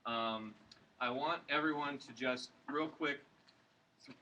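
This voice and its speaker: A man's voice: mid-range voice, takes it slowly, pushed and bright, lo-fi sound. Male event host from Florida, filler-heavy and casual, distant mic, noisy room. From Orlando, Florida. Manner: loose, filler-heavy, many "uh"s. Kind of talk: welcoming a live event crowd. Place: large indoor event room.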